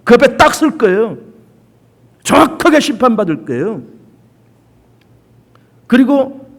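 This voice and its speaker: A male pastor preaching a sermon, stressing points by repeating them and asking rhetorical questions. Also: high voice. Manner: emphatic repetition and rhetorical questions.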